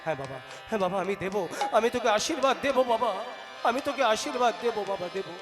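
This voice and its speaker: A man's voice: sits high, expressive, fast talker. A man doing a tearful pleading mother. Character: grieving devoted mother of a prince. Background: devotional music.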